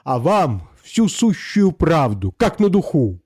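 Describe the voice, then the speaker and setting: A humble, lame peasant pleads in a thin, quavering falsetto, stumbling over his words, as a man acts him out. The voice sits high and jumpy, with a mellow, dry tone. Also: very animated, slow pace, breathy edge, no room sound, full character voice. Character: timid lame peasant poacher, trembling falsetto.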